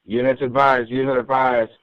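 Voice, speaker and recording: A man's voice: medium pitch, little pitch movement, moderate pace, clear, resonant tone, no echo. A male police dispatcher heard over a police radio transmission, reading out units and addresses in clipped, methodical calls. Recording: narrow tinny radio channel, dry.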